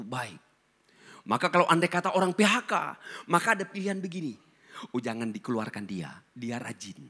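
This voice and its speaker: A male pastor preaching a sermon and telling stories, swinging between loud emphasis and hushed asides. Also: a little high, breathy edge.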